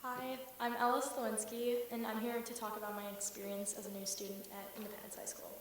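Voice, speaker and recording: A teenage female student giving a prepared speech, measured and deliberate. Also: fairly high pitch, flat delivery, recorded from a distance. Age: teens. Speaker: student speaker. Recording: very echoey hall with faint hiss.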